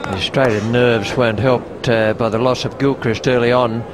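A man's voice: mid-range voice, steady tone, moderate pace. Man giving terse cricket remarks. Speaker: cricket commentator. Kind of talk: live TV cricket commentary. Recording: broadcast with loud crowd and noise.

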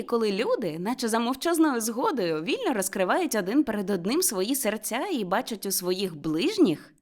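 An eager, cheerful young man, as a woman reader plays him in a storybook, high and bright-toned. His voice leaps up and down with excitement.

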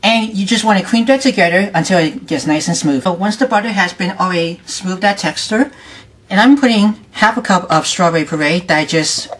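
A woman hosting a casual home cooking demonstration in her kitchen, talking in a halting, loose way with frequent restarts. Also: medium pitch, a little hiss or hum. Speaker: home cooking show host.

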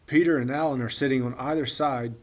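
Guy reading a kids' book out loud, husky and breathy, mid pitch. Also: fairly even intonation, fairly quick. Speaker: audiobook reader. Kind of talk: storybook narration.

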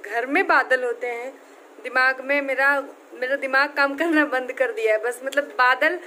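A hoarse woman, chatting casually to her viewers while cooking in her home kitchen, filming on a handheld phone. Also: high-pitched, fairly even intonation, normal speed, sharp tone, slight background noise, poor audio. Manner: chatty, talking straight to viewers. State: hoarse, voice nearly gone. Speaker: vlogger.

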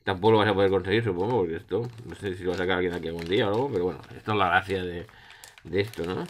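A man's voice: low-pitched, fairly even intonation, rapid-fire. A middle-aged man with a Spain Spanish accent casually explains game rules in a rambling, colloquial way. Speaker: board game reviewer. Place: small room indoors. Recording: roomy echo.

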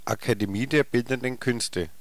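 This very noisy 1990s cassette recording has a man reading short, formal bus stop names as scripted transit announcements. His mid-range voice moves at normal speed, clipped, formal and neutral.

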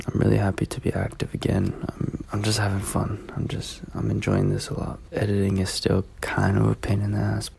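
A man signing off his vlog in a casual, soft-spoken way, sometimes dropping to a whisper. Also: fairly low pitch, gravelly, slightly rough. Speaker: vlogger. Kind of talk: casual video sign-off.

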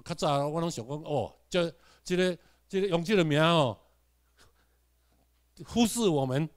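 A man from Taiwan, giving a classroom lecture. He asks the room rhetorical questions, has the class repeat words after him, and swings between loud emphatic bursts and quiet asides. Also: a little high, expressive, unhurried.

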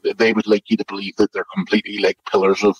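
Interview guest: man in his fifties, identity-disguised deep voice, low and dry, rambling delivery. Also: flat delivery, fast talker, husky, dry recording. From Northern Ireland, West Belfast. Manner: rambling, hedged with frequent "like, you know". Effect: voice altered to disguise identity, deep and muffled. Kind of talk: remote interview. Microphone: remote secure connection. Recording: lo-fi disguised call audio.

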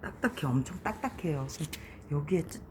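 A woman's voice: low voice, lively intonation, moderate pace, dark tone. A woman vlogging outdoors, coaxing and scolding a beetle to walk away, recorded on a handheld phone with noise behind her. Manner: exasperated, coaxing, talking to an insect. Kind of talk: casual vlog talk to a beetle.

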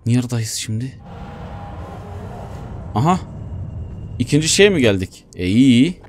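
A man giving Let's Play commentary, chatting to himself as he plays and bursting into excited shouts. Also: mid-range voice, slow pace, a little hiss or hum. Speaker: gaming YouTuber.

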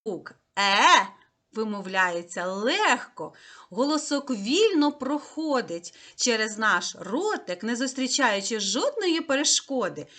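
Female preschool teacher, bright and lively, unhurried, coaxing online lesson for little ones. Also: sits high. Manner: slow, sing-song, coaxing. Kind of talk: online lesson for small children.

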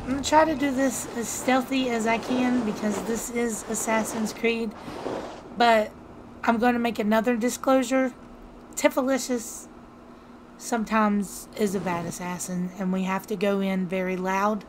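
A young woman with a slightly crackly voice, chatting casually and excitably while playing a game, laughing at her own misses. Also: on the high side, normal speed. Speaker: gaming streamer. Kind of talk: casual let's-play commentary.

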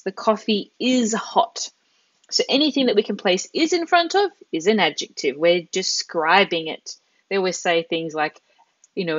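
An upbeat Australian woman in her thirties teaches Italian in a live online lesson over a headset. Her voice is fairly low, and the stream sounds dry and dull. She is chatty and encouraging, drawing out her words with careful pronunciation.

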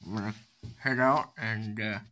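Guy, low voice, slow drawl, talking around a pipe, casual vlogger. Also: fairly even intonation, bright, forceful tone, a little hiss or hum. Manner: laid-back, drawling, pauses with fillers. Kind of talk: casual chat. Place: outdoors in cold weather.

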